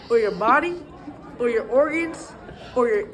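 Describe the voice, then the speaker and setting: A young woman improvising a mock interview, deadpan and stammering. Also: on the high side, measured pace, a faint crowd. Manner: deadpan, stammering, breaks into laughter. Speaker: interviewee in a comedy skit.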